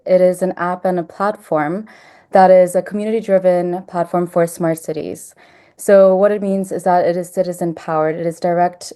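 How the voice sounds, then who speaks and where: A woman who grew up in Denmark, giving a webinar presentation over a video call in a steady, explanatory way. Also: fairly low pitch. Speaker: startup marketing director presenting.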